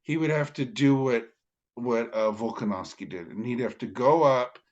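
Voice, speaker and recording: A man's voice: medium pitch, normal speed, lo-fi sound. A man co-hosting a casual fight podcast, heated and emphatic, often stammering as he restarts his sentences. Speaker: podcast co-host. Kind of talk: casual MMA podcast chat.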